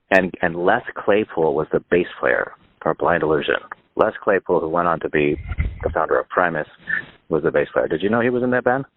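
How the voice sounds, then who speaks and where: A low-voiced man in his fifties talks over a thin, phone-like line. He is from Northern California and chats loosely as a guest, circling back, restarting and dropping "like" as he goes. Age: 50s. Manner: rambling, lots of "like" and restarts. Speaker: guest musician. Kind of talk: casual phone interview.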